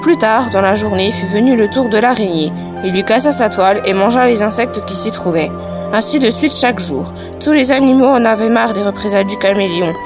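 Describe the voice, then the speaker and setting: A girl reading a school storybook aloud as narrator, in a steady read-aloud style. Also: mid-range voice, brisk, over music.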